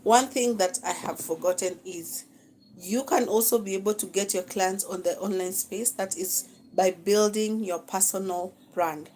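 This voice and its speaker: A Kenyan woman leads a live-streamed class, coaching her viewers and often circling back to repeat a point. Her voice sits at an ordinary middle pitch, and faint noise hums under the recording. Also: unhurried, a little mellow, poor audio. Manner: coaching, repeats phrases, frequent "okay?" check-ins. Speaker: social media marketing instructor.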